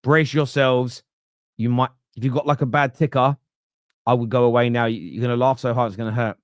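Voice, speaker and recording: Guy late 30s hosting a footy podcast live, jokey and animated, dry close sound. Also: medium pitch, brisk, clear, resonant tone, no echo. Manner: chatty, joking, animated. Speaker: podcast host. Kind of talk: live football fan podcast.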